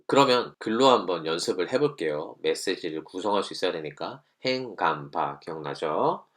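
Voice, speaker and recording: A male teacher's voice, fairly low and lively, moving through a lesson step by step. He acts out little example lines now and then. The recording itself sounds plain and close. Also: normal speed. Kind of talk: online class lesson.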